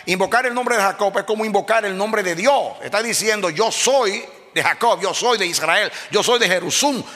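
High, bright-voiced male preacher in a reverberant hall. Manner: impassioned, swings from low explaining to shouted peaks; addresses the congregation directly with questions. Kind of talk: sermon.

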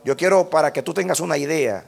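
A man's voice: a little high, quick pace, gravelly. A man preaching a sermon, reading scripture aloud, acting out quotes, and stretching key words for weight.

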